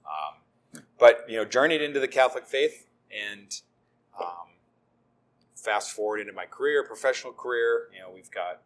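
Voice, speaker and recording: A guest deacon, a middle-aged man, recounts his faith journey in a laid-back, self-mocking way, peppering it with ums. His lowish voice moves at a moderate pace with lively intonation.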